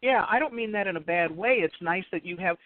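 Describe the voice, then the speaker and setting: A man's voice: high voice, fairly quick, a crowd in the background. Chatty man host on a tinny phone line. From Chicago area. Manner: rambling, stacks up restarts and asides. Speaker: radio show host. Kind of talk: casual interview chat.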